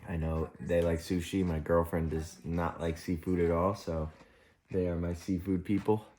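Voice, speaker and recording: A man with a low, deep voice chats casually to camera, upbeat and joking. He is sitting over a meal indoors, with a faint hiss of noise behind him. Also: little pitch movement, moderate pace, darkish tone. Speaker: vlogger and ultrarunner. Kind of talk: casual vlog talk to camera. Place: mother's home, indoors, at a meal.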